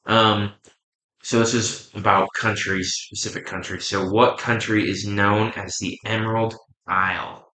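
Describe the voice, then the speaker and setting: A young man co-hosting a casual podcast with friends, joking and upbeat. His voice is low but bright and forceful. It rings in an echoey room. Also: flat delivery, a little slow. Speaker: podcast co-host. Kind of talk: casual chat.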